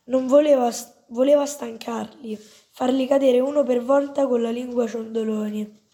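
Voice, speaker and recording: A woman reading a story aloud in an even, measured way. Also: on the high side. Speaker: reader.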